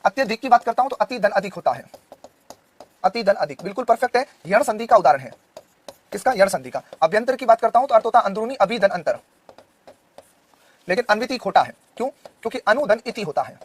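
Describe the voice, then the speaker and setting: A man in his thirties with a Rajasthani Hindi accent, teaching an online exam-prep Hindi class and firing quick questions at his students. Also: high-pitched, animated. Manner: drilling students with quick questions, loud and insistent.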